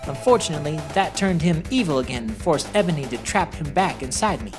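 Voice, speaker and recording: A woman's voice: deep voice, big pitch swings, fast, music in the background. A woman voicing a young male hedgehog hero, narrating a scripted recap of his backstory matter-of-factly with wry asides.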